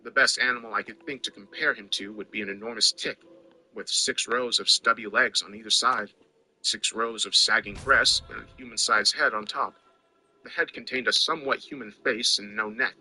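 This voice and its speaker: Male narrator, low pitch, very bright forceful tone, wry conversational storytelling, faint music behind. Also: steady tone, normal speed, slightly rough, rough recording. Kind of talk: first-person scripted story narration.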